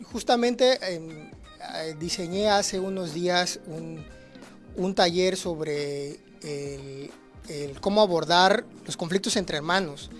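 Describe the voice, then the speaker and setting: Male teacher, earnest explainer, frequent restarts and tag questions, faint music behind. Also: high-pitched. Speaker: teacher speaking on conflict resolution. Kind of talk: livestreamed talk answering audience questions.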